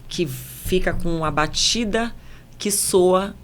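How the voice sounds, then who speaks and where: A woman journalist with a Paraense Brazilian accent, speaking as a podcast guest in a measured, emphatic, explanatory way. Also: on the low side, slight background noise. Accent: Paraense Brazilian Portuguese. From Belém, Pará, Brazil. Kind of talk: podcast conversation.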